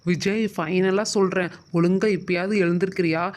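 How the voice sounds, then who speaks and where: A woman's voice: fairly low pitch, steady tone, moderate pace, darkish tone, lightly acted. A woman voicing a hot-tempered schoolboy bully in a doll show, talking in a threatening, bossy way.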